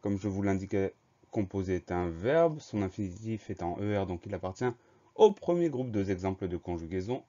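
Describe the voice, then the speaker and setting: Man, low mellow voice, patient teacher spelling words out, dull lo-fi sound. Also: animated. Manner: slow, methodical, spells words letter by letter. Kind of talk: dictation lesson.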